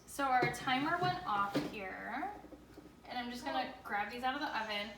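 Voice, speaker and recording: A woman hosts a casual baking demonstration in her home kitchen, chatting in an upbeat, informal way. Her fairly high voice is expressive at a moderate pace, and the recording is echoey and clear, with the mic placed at a distance.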